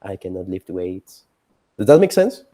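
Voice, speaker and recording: A career coach leads a group video call, his mellow, low voice swinging widely in pitch at a moderate pace. He keeps things informal and encouraging, sprinkling his motivational talk with rhetorical questions.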